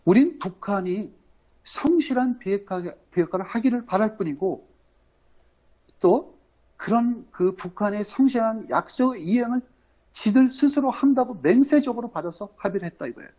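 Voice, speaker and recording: A man from Incheon hosting a political livestream, talking in a rambling, halting way full of fillers and emphatic rhetorical questions. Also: high-pitched, expressive, warm tone, slightly rough. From Incheon, South Korea. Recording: dull lo-fi audio.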